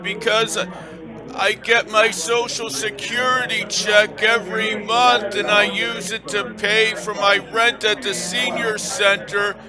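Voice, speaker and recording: Man putting on a slow, drawn-out old man. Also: high-pitched. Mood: rambling. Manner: stretches his words slowly. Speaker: scam baiter. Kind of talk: prank call role-play.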